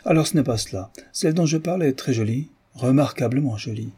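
Audiobook: male reader doing a teasing, courteous gentleman rogue, lifted and bright in spirit over a dark, husky base. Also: medium pitch, lively intonation, brisk, pitched above the performer's own voice. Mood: playful. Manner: airy, polite, playful. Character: jaunty, gallant, teasing gentleman adventurer.

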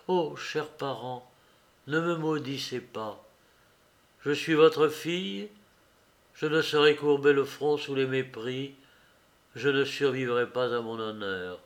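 A man reading aloud the farewell letter of a desperate young woman, in a hushed, sorrowful, pleading voice, at a slow pace. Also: a little high. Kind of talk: audiobook reading.

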